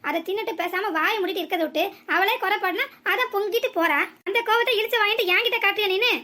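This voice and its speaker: A woman's voice: very high voice, fast talker, bright, forceful tone. Woman voicing a scolding old village mother-in-law. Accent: southern Tamil. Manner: scolding, long complaining rants. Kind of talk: cartoon voice acting.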